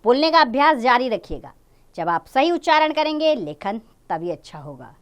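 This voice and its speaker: A young woman teaching a Hindi lesson to small children. She draws out each word slowly, repeats it, and coaxes them with questions. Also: fairly high pitch, very animated. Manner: drawn-out syllables when modelling words, repeats each word twice. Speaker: primary school Hindi teacher.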